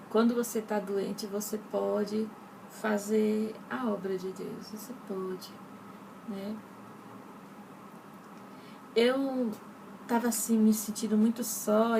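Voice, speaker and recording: Distant gravelly-voiced woman giving faith testimony. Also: medium pitch. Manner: earnest, rambling, addresses listeners directly. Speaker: testimony speaker. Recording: distant mic with noticeable background noise.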